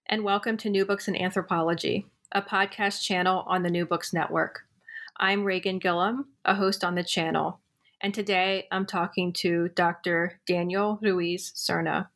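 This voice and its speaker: A woman's voice: lowish voice, a bit bright. A woman hosting a podcast interview, opening with a friendly scripted introduction. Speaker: podcast host.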